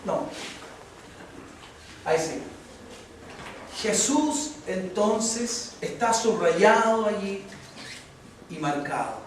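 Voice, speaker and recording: A man's voice: high-pitched, animated, slow pace, long pauses. A male pastor preaching a sermon and asking the congregation rhetorical questions. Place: church hall. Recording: echoey church, distant mic, noisy.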